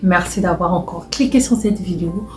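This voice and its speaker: A woman's voice: fairly low pitch, a little fast, reverberant, slight background noise. A woman from the Republic of the Congo who gives casual relationship advice, talks straight to her viewers and repeats phrases for emphasis. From Republic of the Congo (Brazzaville). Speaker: vlogger. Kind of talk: casual advice talk to camera.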